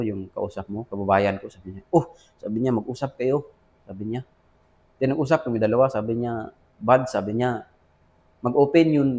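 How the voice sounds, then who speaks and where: A man with a Filipino accent, an army officer, recounts his career in a casual interview, often calling the listener sir and quoting past conversations. His voice is medium-pitched and a little mellow.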